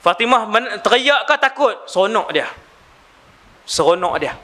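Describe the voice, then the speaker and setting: A man's voice: sits high, lively intonation, measured pace, sharp tone. A male Islamic preacher, telling a story in a live lecture and asking his audience rhetorical questions.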